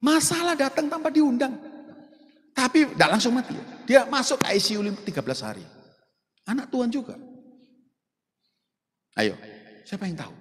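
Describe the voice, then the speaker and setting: A male preacher with a Surabaya Javanese accent delivers an animated sermon, his high voice rising and falling widely. He talks directly to the congregation and drifts into local dialect. The sound carries a long reverb from a church hall. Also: normal speed, pauses often. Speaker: pastor. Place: church sanctuary.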